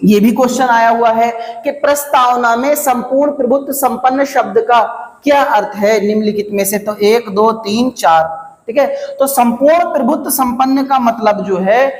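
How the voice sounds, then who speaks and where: A man teaching an exam prep lecture, slowly repeating key phrases to drill his students. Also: extremely high pitch. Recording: echoey classroom, long reverb.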